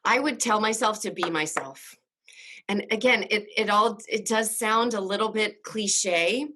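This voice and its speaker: A woman in her forties, a guest in an interview, telling a personal story in an earnest, emotional way with quick bursts of speech. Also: mid-range voice, bright, forceful tone.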